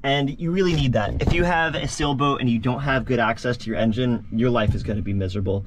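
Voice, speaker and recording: A man's voice: medium pitch, fast talker, noisy background. A man hosting a vlog, giving a casual, upbeat tour inside a sailboat cabin and talking straight to his viewers.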